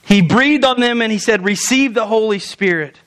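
A man's voice: high-pitched, moderate pace, a bit bright. A man preaching a sermon as pastor in a church, telling the story with animation and acting out the scenes.

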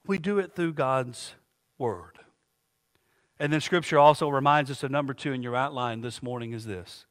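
Speaking at a moderate pace in a medium-pitched voice, a pastor delivers a call-and-response sermon, prompting his congregation to finish his lines. The church sanctuary lends the recording a big-room sound.

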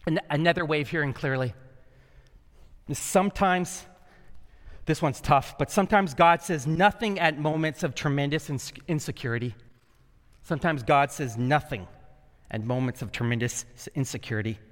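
Animated male preacher in a reverberant hall. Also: on the high side, normal speed. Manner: animated, acts out quoted voices, repeats phrases. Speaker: pastor. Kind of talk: sermon.

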